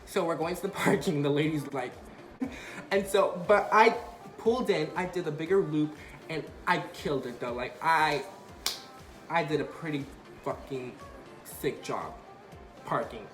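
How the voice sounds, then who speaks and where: A man's voice: on the high side, measured pace, pauses often, echoey room, soft background music. A young man vlogger telling a story casually, acting out the quotes with energy. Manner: animated, acts out quotes.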